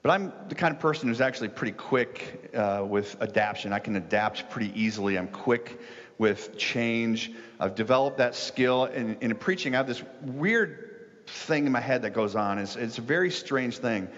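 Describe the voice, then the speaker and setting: A man, a pastor, preaching a sermon and telling a joke in an animated storytelling way before turning to his point. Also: medium pitch, moderate pace. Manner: animated storytelling, rises sharply when telling of yelling. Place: church sanctuary. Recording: dull sound with long hall reverb.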